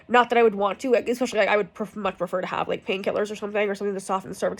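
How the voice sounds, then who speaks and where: A young woman telling a personal story in a casual, rambling way, frank and full of fillers and swearing. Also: mid-range voice. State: in pain from cramps. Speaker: vlogger.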